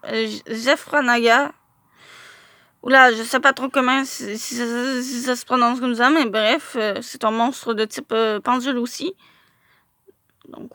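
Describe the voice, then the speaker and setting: A woman's voice: fairly high pitch, bright, forceful tone, no room sound. A woman showing her card collection in a casual vlog, hesitant and full of filler sounds as she stumbles over English names.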